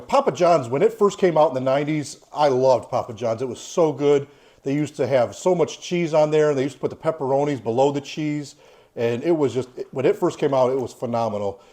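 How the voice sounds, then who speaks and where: A man's voice: fairly high pitch, lively intonation, fairly quick, dark tone. A man in his forties giving a casual, plain-spoken food review with his child. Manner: easygoing, plain-spoken, opinionated.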